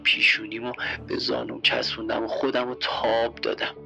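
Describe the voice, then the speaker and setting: Man narrating a dark story, gravelly, bright edge, soft music behind. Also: mid-range voice, completely flat delivery, low-quality recording. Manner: intense, emotional, sinking to whispers. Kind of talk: dramatic first-person story narration.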